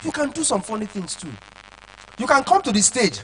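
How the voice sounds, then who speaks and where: Man, high voice, animated lecture for kids. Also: brisk, a little hiss or hum, poor audio. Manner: animated, keeps checking the audience follows. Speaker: public speaking instructor. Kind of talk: lecture to children.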